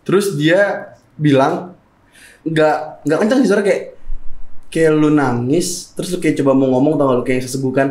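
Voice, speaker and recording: A man's voice: a little high, moderate pace, a little mellow, reverberant. A young man with telling a story casually, repeating phrases and acting out quoted lines. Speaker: guest.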